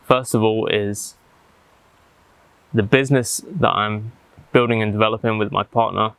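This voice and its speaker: A man speaking reflectively and haltingly, with deliberate pauses, as he vlogs outdoors in the jungle. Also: lowish voice, fairly even intonation, gravelly, a bit bright, clear, resonant tone, dry recording. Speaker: vlogger. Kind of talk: reflective talk to camera.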